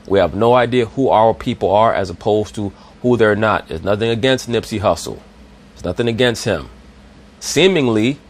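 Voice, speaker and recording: A man giving a preachy commentary monologue, addressing listeners as brothers and asking rhetorical questions. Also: lowish voice. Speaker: online commentator.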